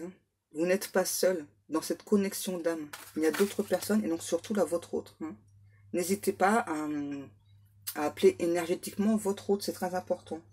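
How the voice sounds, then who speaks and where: A woman giving a spoken card reading as a medium, repeating herself with many fillers and clearing her throat often. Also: lowish voice, warm tone. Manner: repetitive, filler-heavy, insistent. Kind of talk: spoken tarot guidance to viewers.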